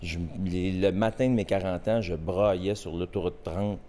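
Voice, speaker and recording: A Québécois man in his forties talks as a guest on a casual podcast. His voice sits very low, and he pauses often and searches for words. Faint noise runs underneath. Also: steady tone, mellow. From Quebec. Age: 40s. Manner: hesitant, halting with frequent fillers. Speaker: podcast guest, host's father. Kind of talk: casual interview.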